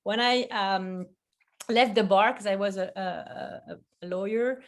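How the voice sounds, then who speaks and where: A woman's voice: medium pitch, unhurried. Chatty Belgian woman from a video call. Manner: chatty, laughs often, many restarts. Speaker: guest, food photographer. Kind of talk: casual interview conversation.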